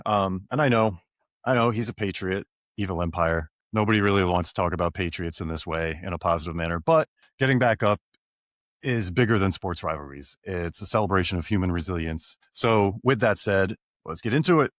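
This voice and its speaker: Deep-voiced man telling a sports story. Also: fairly quick, dry recording, studio quality. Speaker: podcast co-host. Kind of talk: casual storytelling.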